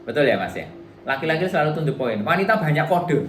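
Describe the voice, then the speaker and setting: A man's voice: fairly high pitch, big pitch swings, fast talker, fairly bright tone, slight background noise. A middle-aged man giving a relationship seminar to a live audience in a casual, chatty way, acting out little dialogues. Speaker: workshop trainer.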